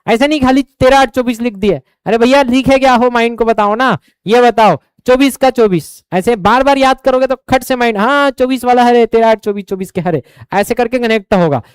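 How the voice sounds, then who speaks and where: Smooth-voiced Chhattisgarhi coaching teacher. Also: male voice, very high voice, brisk, hardly any pauses, dry recording, studio quality. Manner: drills numbers by repetition, keeps asking if students follow. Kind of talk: exam coaching lesson.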